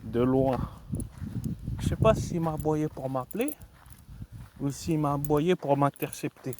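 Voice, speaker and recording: A man's voice: fairly high pitch, background noise. A man chatting casually to his viewers in a vlog, talking outdoors in the countryside. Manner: slow, chatty, keeps addressing viewers as "the guys". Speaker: vlogger.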